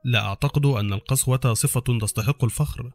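A man voicing a calm, defiant young female intelligence officer in an audiobook, speaking in a hushed, level way. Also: mid-range voice, quick pace, dry recording, faint music behind, pitched below the performer's own voice, close to an everyday voice.

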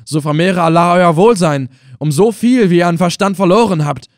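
A bitter, scornful prisoner who snaps and rails at his captor, as a male narrator puts him on. His voice rises higher and louder than the reader's own, forceful and heated. It sounds like a storybook reading in a dry, close room. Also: moderate pace, dry recording, close to an everyday voice. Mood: wary, mocking.

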